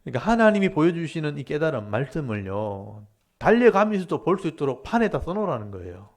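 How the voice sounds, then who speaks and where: A middle-aged man, a pastor giving a Bible lecture sermon, reading scripture aloud slowly and then explaining it in lively everyday speech, acting out complaints with sharp rises in voice. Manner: acts out the prophet's complaints with sharp rises in pitch and loudness.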